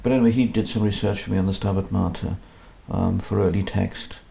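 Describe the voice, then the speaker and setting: A man with a deep, warm voice and some vocal fry speaks a little fast in a steady tone. He is a composer interviewed in his music room, talking modestly and hesitantly with many restarts in a relaxed, conversational interview.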